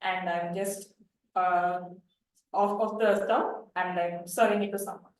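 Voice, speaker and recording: A woman, a volunteer narrating her actions step by step with small pauses. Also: mid-range voice, fairly even intonation. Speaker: volunteer participant. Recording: echoey hall, far from mic, faint noise.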